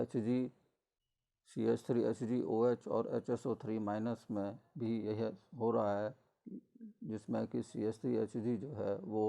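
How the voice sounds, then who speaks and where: A man's voice: fairly low pitch, creaky, mellow. A middle-aged man giving a recorded chemistry lecture, explaining step by step with frequent fillers and self-corrections.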